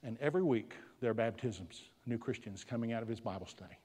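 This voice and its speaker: A man preaching in a large school hall, his voice trailing off in long reverb. He tells a story dramatically and sometimes sinks to a hush. His pitch sits in an ordinary middle range. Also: quick pace, slightly rough. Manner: dramatic storytelling, dropping to a hushed voice at key moments. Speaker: guest speaker at a school. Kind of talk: storytelling sermon.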